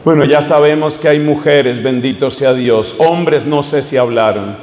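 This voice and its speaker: A man, a priest preaching a fervent sermon that rises to loud calls and leads the crowd in repeated chants. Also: medium pitch, a little slow, slight background noise. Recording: echoey hall, dull sound.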